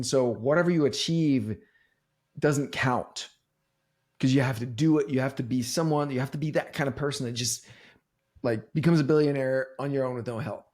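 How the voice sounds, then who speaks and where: Candid, halting man in his forties. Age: 40s. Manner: halting, restarts often, wide swings in pitch and loudness. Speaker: podcast guest. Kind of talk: candid storytelling in conversation.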